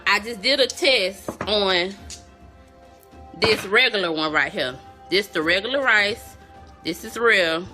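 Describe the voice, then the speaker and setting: Woman, mother, angry phone rant, bright tense voice, faint music behind. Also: fairly low pitch. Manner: upset, emphatic, talks straight to viewers. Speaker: mother filming a video. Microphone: phone camera.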